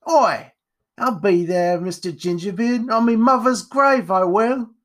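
A cheeky young newsboy chirps in a high, bright voice, as a man puts him on. He talks back with a saucy, street-wise manner. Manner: cheeky, quick.

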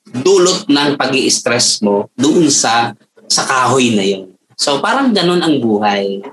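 A man, a guest doctor, explaining slowly and often checking in with the listener with rhetorical questions. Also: mid-range voice, sing-song, a bit bright, a little hiss or hum, poor audio. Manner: rhetorical questions, repeats "okay?" and "di ba?". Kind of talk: slow explaining talk.

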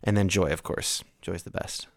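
Lower-pitched man hosting a casual podcast. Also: fairly even intonation, moderate pace, vocal fry. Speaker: podcast host. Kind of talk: casual co-hosted podcast chat.

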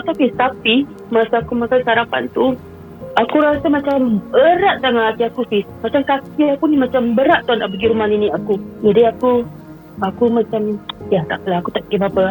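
This is a woman phoning in to a call-in show to recount something from her own life, her voice a little high. She mixes English phrases into the story and tends to say things more than once, all on a low-quality recording.

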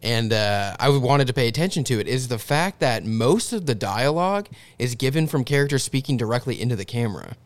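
A man's voice: mid-range voice, expressive, a little fast, hardly any pauses, no room sound. A man co-hosting a podcast, chatting casually about a film and filling his sentences with "like.". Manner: casual, heavy use of "like". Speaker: podcast co-host.

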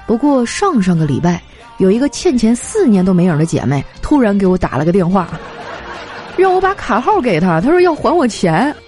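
A young woman telling comic anecdotes in a chatty, animated way, slipping into voices for the people in her stories. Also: medium pitch, fairly quick. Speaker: comedy storyteller. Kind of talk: scripted comic monologue. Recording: light background music. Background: faint music.

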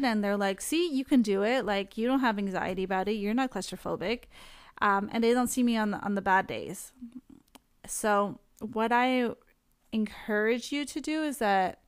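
A woman's voice: fairly high pitch, no room sound, clean studio sound. A young woman talking casually to camera about her own experience, candid and chatty, often laughing between thoughts. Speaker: vlogger sharing her experience with anxiety. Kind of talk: casual direct-to-camera talk.

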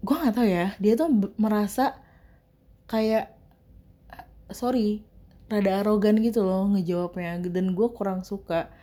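A woman's voice: medium pitch, unhurried, pauses often. A young woman, casually telling a story to her viewers in a chatty, slangy way. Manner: chatty, slangy, animated retelling with laughs. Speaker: vlogger.

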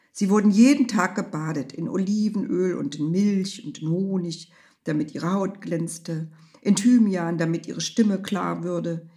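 A woman's voice: on the low side, a little mellow, breathy edge. A woman narrating a storybook tale expressively, sometimes dropping to a whisper.

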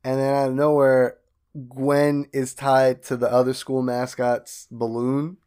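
Casual young male podcast co-host, mid-pitched, retells plot with jumpy high quote voices. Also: completely flat delivery, measured pace, warm tone, smooth. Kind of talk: casual chat recapping a cartoon.

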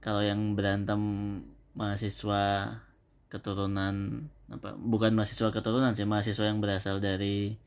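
A man's voice: lowish voice, monotone, normal speed, gravelly, long pauses. A young man co-hosting a casual chat, speaking hesitantly and searching for words as he goes. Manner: hesitant, many fillers and restarts.

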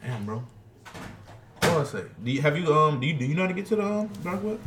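Quick, slangy young man in echoey room. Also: a little high, big pitch swings. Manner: slangy, repeats and restarts phrases. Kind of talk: casual chat among friends. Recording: echoey room with other voices.

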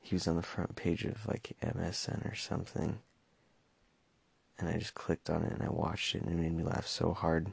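A man's voice: sits low, monotone, moderate pace, gravelly, breathy edge, no room sound. A young man talking in a casual personal monologue, hesitant and stumbling over his words with many fillers. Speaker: podcast host.

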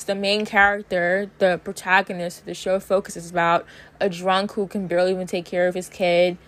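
A young woman talks casually to her listeners as a host giving her opinions. Her speech stumbles a little, as her jaw is sore from freshly tightened braces. Her pitch sits in a middle range for a woman. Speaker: host of a show recapping and reviewing TV series.

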